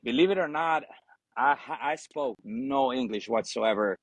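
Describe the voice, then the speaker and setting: On a rough recording, a man with a mid-range voice talks at a moderate pace. As a podcast guest, this Marine veteran in his 40s, from Ecuador and a first-language Spanish speaker, tells his story casually, swearing and frequently using "you know" and "obviously."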